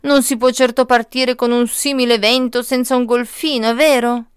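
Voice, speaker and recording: A proud, overprotective old tree from a storybook, voiced by a woman, coaxing in a sing-song way that climbs higher with every repeat. The voice sits a little high, smooth and resonant, and is recorded dry and close. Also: steady tone, normal speed, dry recording, natural voice. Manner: sing-song, repeating phrases with rising pitch. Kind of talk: storybook read-aloud.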